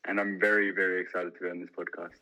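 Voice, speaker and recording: A sixteen-year-old racing driver speaking as a podcast guest over a video call, measured and full of ums. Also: male voice, low-pitched, flat delivery, sharp tone, low-quality recording. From Melbourne, Australia. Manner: measured, filler-heavy.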